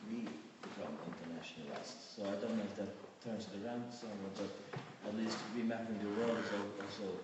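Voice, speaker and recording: A man from a Nordic country speaking as a panelist, halting and searching for his words. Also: fairly low pitch, fairly even intonation. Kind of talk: panel discussion remarks. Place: conference hall. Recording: echoey hall, distant mic, background noise.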